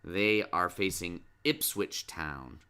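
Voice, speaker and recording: A man's voice: deep voice, slow, bright, forceful tone, smooth. A middle-aged man hosting a casual sports podcast with his child, patiently asking question after question and coaxing answers. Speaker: podcast host and dad.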